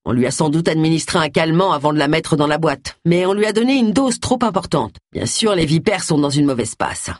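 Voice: medium pitch, lively intonation, brisk, hardly any pauses, dry recording, clean studio sound, close to an everyday voice. A reader voicing an earnest young snake expert. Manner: earnest, lecturing.

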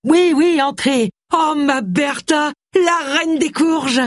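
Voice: medium pitch, very animated, moderate pace, no room sound, studio quality, pitched above the performer's own voice. A narrator voicing a distraught man who dotes on his prize pumpkin and confesses a killing. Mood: fervent.

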